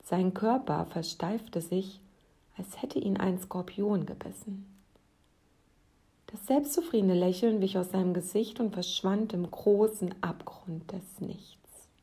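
A woman reading a story aloud in a soft, calm voice that often sinks to a whisper. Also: medium pitch, takes it slowly.

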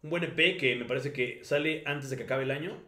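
A man's voice: mid-range voice, fast talker. A man co-hosting a casual podcast, joking and teasing in a laid-back way. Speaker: podcast co-host. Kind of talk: casual chat. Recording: roomy echo with faint noise.

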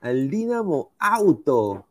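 A man's voice: a little high, big pitch swings, slow, over a noisy crowd. A man with a Peruvian accent co-hosting a casual sports talk show in a slangy, conversational way.

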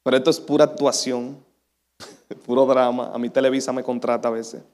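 A man's voice: medium pitch, flat delivery, moderate pace, a little mellow. A young man preaching a sermon as a pastor, chatty and self-deprecating, laughing often.

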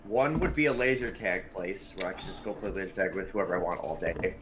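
A man's voice: deep voice, a little fast. A man co-hosting a casual podcast, telling rambling stories full of swearing. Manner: profane, rambling storyteller. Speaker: podcast co-host.

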